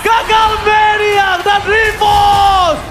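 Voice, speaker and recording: An Indonesian man shoutcasting esports like a fighting game announcer, with dramatic drawn-out calls. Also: very high-pitched, little pitch movement, crowd noise. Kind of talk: excited play-by-play game commentary. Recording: music behind the voice. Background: music.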